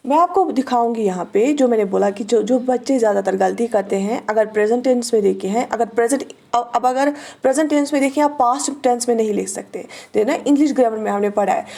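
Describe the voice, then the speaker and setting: A woman teacher with a Kashmiri accent giving an exam-prep lesson in translation and grammar. She reads example sentences slowly, repeats them for drilling and often checks whether the students follow. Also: on the high side, vocal fry, mellow. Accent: Kashmiri-accented Hindi-Urdu. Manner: checks understanding with short questions.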